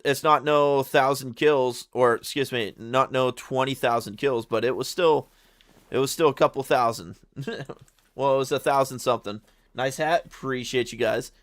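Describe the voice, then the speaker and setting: A man's voice: mid-range voice, dry recording. Stuttery laid-back man streaming a game. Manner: stuttery, repeats words; slangy, laid-back, calls viewers brother and dude. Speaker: live streamer. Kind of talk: casual live-stream chat while gaming.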